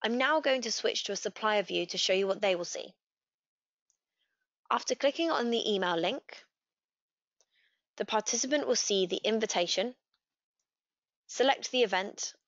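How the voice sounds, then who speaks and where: Dry, steady woman's tutorial voice-over. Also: medium pitch, no echo. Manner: steady, clear step-by-step instruction. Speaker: customer success manager. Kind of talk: scripted software tutorial narration. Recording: dry, slightly dull voice-over.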